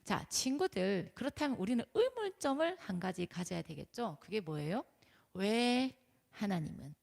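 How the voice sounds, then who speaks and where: A woman gives a children's sermon in a church, her pitch rising and falling a lot as she tells a story. Her voice has a gravelly edge, and a long hall reverb trails behind it. She keeps asking the children questions and then answers them herself. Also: sing-song, moderate pace, darkish tone. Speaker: children's ministry preacher. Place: church sanctuary.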